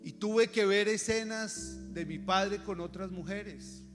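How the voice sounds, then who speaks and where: A high-pitched man with a Colombian accent preaches a sermon testimony, earnest in his telling. He drops to hushed tones and climbs to fervent shouts. His voice rings through a long-echoing hall with instrumental music underneath. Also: slow. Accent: Colombian Spanish. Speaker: pastor. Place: church service.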